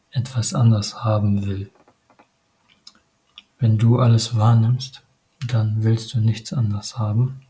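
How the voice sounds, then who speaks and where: A man giving a meditative spiritual monologue, addressing the listener directly in short, halting phrases with frequent hesitations. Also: on the low side, dark tone, low-quality recording.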